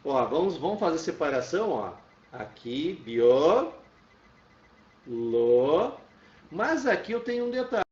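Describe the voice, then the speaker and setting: A man's voice: sits high, big pitch swings, normal speed, recorded from a distance. A man teaching a lesson, explaining step by step and checking in with his students. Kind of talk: classroom lecture. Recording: roomy, dull sound from off-mic.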